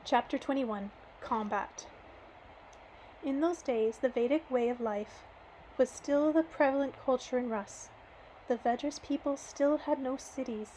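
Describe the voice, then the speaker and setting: Female audiobook reader, slightly hoarse, high and mellow, earnest measured delivery, faint noise. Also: low-quality recording. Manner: earnest, measured, with occasional restarts. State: hoarse, losing her voice. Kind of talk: reading a book aloud.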